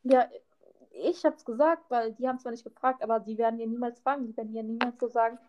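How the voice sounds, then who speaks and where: A woman's voice: a little high, fairly even intonation, fast, darkish tone, dull audio. A young woman in casual chat, dryly mocking and laughing at her friend. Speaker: podcast co-host.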